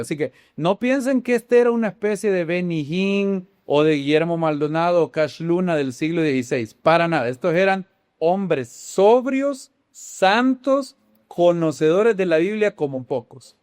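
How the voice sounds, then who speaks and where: A male Bible teacher, preaching in an animated way. His pitch climbs and falls across a wide range and sits a little above the usual for a man. The sound is close and dry, with no room echo. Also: normal speed. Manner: animated, with sudden swings between loud exclamations and hushed dramatic lines; asks the audience questions. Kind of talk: sermon-style teaching.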